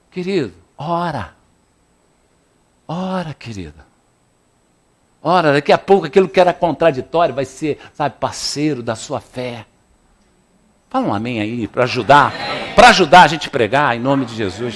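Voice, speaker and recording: A man preaching a sermon in a church, playful and calling on the congregation to respond. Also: fairly high pitch. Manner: lively, playful preaching with audience call-and-response. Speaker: pastor.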